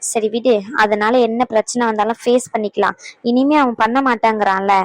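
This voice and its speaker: A woman's voice: a little high, fairly even intonation, moderate pace, no echo, lightly acted, low-quality recording. A woman voicing a firm peacemaking older sister. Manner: firm, soothing, scolding. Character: calm older sister figure who mediates. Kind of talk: cartoon voice acting.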